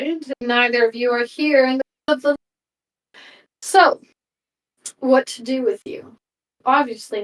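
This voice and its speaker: A woman plays a stern usurper king of the cat-folk in a tabletop game, speaking slowly and coldly in a slightly high voice. Every word is measured. The voice sits distant from the mic.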